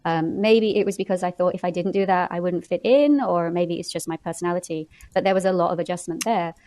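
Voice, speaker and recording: A woman's voice: fairly low pitch, steady tone, quick pace, mellow, dry recording. A woman from England with an English accent, talking casually and reflectively in a group discussion. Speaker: podcast panelist.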